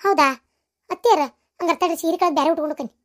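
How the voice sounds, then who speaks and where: A woman with a North Karnataka Kannada accent playing a vain, flattering young daughter-in-law who sweet-talks her mother-in-law. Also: very high voice, racing. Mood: sweet-talking. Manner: sweet-talking, coaxing.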